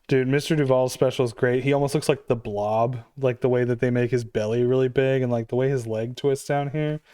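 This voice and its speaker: A man's voice: mid-range voice, fairly even intonation, fairly quick, dark tone, smooth, no echo, studio quality. A man chatting casually about comics, laid-back and full of "dude" and "like". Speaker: podcast co-host.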